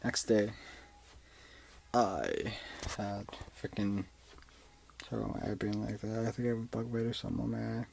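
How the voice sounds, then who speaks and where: A man's voice: on the low side, fairly even intonation, moderate pace, creaky, darkish tone, slight background noise, low-quality recording. A young man rambling through a personal story in a casual vlog, swearing often and using lots of fillers. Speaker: vlogger.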